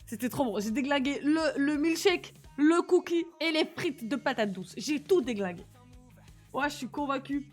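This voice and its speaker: A woman's voice: high-pitched, moderate pace, faint music behind. A young woman with a slight lisp and slushy s sounds, chatting casually and animatedly in slang as she livestreams. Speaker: live streamer.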